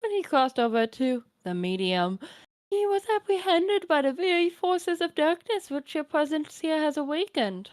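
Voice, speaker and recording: Woman putting on a ghost granny sprite, quavery, hooting, high old-lady voice, dry close mic. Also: animated, normal speed, dry recording. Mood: grand. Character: ghostly old grandmother sprite, clownish and doting.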